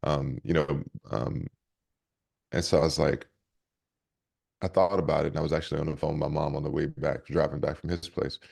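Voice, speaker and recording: A man's voice: a bass voice, level tone, fairly quick, gravelly, pauses often, a little mellow. A man who is a leadership coach and speaker, telling stories energetically in an interview with many restarts. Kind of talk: conversational interview storytelling.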